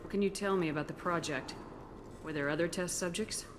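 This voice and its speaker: A woman's voice: on the low side, fairly quick, close to an everyday voice. Woman playing Commander Shepard, composed heroine with background noise. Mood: questioning, controlled. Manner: direct, probing, controlled. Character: composed, fair-minded female military commander, game heroine. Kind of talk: video game dialogue.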